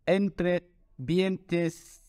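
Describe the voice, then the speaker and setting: A man with a Turkish accent works through viewer questions in careful, halting Spanish and repeats the words that trip him up. His voice sits high for a man and comes across crisp and clear. The recording is dry and close. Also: steady tone, a little mellow, dry recording. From Turkey. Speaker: vlogger. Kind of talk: Q&A vlog, reading fan questions.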